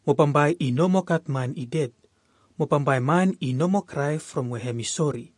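Husky Melanesian man reading scripture. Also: on the high side, moderate pace, dry recording. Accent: Melanesian Pidgin. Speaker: scripture reader. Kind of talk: reading Bible verses aloud.

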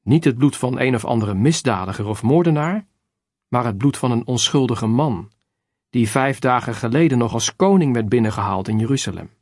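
Male narrator, mid pitch, measured scripted reading, dry close recording. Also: dry recording. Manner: measured, even reading of chapters and verse numbers. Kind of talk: scripted narration of a religious book.

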